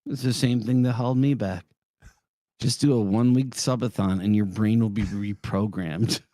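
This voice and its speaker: A man's voice: on the low side, fairly even intonation, normal speed, mellow, no room sound. A man in his forties, trading blunt, profane jokes in a casual live-stream chat. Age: 40s. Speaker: streamer co-host.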